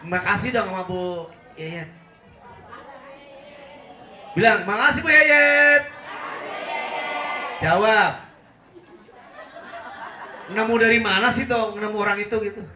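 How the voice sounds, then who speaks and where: A man's voice: sits high, steady tone, slow pace, long pauses, a crowd in the background. A middle-aged man preaching a humorous sermon to a live congregation, teasing the audience and laughing often. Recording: echoey room with faint hum.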